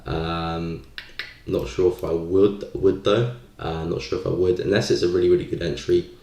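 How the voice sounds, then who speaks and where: In a low, warm voice with fairly even intonation and a moderate pace, a man hosts a trading live stream. He gives casual market commentary, thinking aloud hesitantly, and the room sounds echoey.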